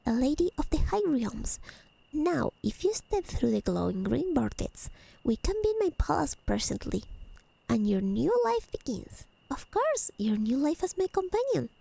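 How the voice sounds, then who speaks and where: Teasing and possessive, a haughty fae lady of the high realms speaks in elegant, formal phrases, voiced by a woman with a high, mellow, slightly creaky voice. This soft-spoken ASMR roleplay has crickets chirping in the background. The recording is low-quality but has no echo, and the voice is exaggerated.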